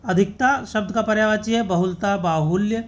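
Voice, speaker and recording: A teacher giving an exam-prep lesson, reading out word lists one by one and adding short spelling corrections. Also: medium pitch. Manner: steady dictation of word lists, pausing after each word; adds brief asides to correct spellings.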